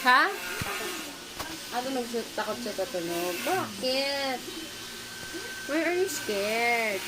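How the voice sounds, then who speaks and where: A woman's voice: on the high side, lively intonation, slow, poor audio. Sing-song Filipino woman coaxing a toddler. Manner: sing-song baby talk mixing Tagalog and English. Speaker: aunt filming a toddler. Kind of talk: casual family vlog, coaxing a toddler. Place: inside a moving car. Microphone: handheld phone camera. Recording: phone audio with road noise.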